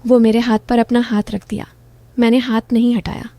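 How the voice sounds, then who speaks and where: A woman's voice: on the high side, level tone, normal speed, dark tone, no room sound. A middle-aged woman narrating a first-person story in a confiding, intimate manner.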